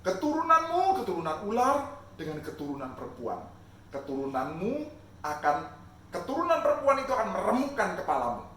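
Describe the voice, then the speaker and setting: A stern God pronounces judgment in a loud, solemn, proclaiming voice, as a man puts him on. The lines swing widely in pitch. The sound rings through an echoey room, captured from far off. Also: wildly swooping pitch, a little fast, slight background noise, heavily acted.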